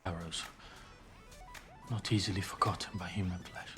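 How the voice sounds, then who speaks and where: An actor playing a solemn, stoic elf warrior in a fantasy drama, with flat, wooden acting. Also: male voice, low-pitched, moderate pace, soft background music.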